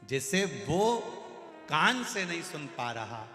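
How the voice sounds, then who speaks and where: A man preaching a devotional story sermon, swinging between loud bursts and quiet phrases. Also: on the high side, very animated, slow, soft background music. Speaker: katha preacher. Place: large religious gathering venue. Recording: echoey hall with long reverb.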